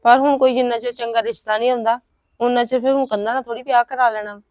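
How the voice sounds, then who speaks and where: A woman plays a daughter in a homemade family drama. She answers her mother politely while deflecting the questions. Her fairly high voice is recorded dry and close. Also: fairly even intonation, racing, a little mellow, dry recording.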